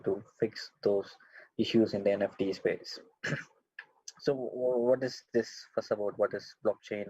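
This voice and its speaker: A man's voice: lowish voice, warm tone, no room sound. A man from India giving a webinar talk over a video call, hesitant with many fillers and restarts. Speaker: webinar speaker. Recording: dull lo-fi video call audio.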